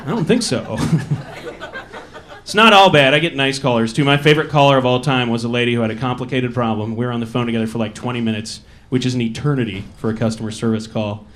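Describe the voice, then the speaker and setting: On a comedy club stage, a man with an Upper Midwest American accent performs stand-up, spinning dry, wry stories punctuated by quick asides. His voice is medium-pitched with a fairly bright tone.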